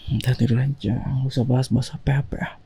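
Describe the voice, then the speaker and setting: A man in whispered role-play as an affectionate husband, talking softly and teasingly to his sleepy wife on a binaural mic. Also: medium pitch, flat delivery, fairly quick, vocal fry, slight background noise, lightly acted. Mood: soft, soothing. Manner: soft, intimate, teasing. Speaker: ASMR performer.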